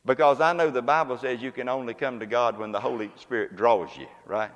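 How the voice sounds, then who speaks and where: A man's voice: medium pitch, a little fast, in a large hall. A man preaching a sermon to his congregation in a folksy, conversational way, full of homespun examples. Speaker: pastor. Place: church sanctuary.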